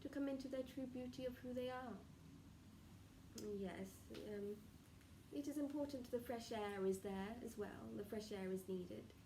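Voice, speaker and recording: A woman speaking as a seance medium in trance, voicing benevolent spirit guides with formal, halting, stilted phrasing and murmured pauses. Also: fairly high pitch, natural voice. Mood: gentle, instructive. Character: solemn benevolent collective of spirit guides advising a client. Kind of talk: seance medium channelling, improvised spiritual counsel. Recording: roomy, distant mic with faint noise.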